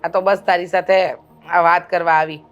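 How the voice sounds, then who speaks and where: A woman playing a pushy middle-aged mother-in-law who wants a grandson, talking loudly and insistently in a family drama. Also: fairly low pitch, level tone, normal speed, clear, resonant tone, highs cut off, lightly acted. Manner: loud, insistent, scolding. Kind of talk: amateur family drama acting.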